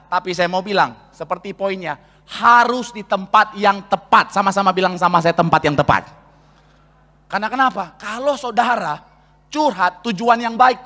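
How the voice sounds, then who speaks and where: A male pastor preaching a sermon in a large church, lively and joking as he calls out to the congregation. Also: high voice. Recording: long church-hall reverb.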